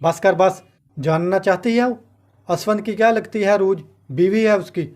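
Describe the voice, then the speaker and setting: A man's voice: high-pitched, normal speed, a little mellow, close to an everyday voice. A man voicing a stern, fair-minded middle-aged uncle who rebukes his wife, in a storybook reading.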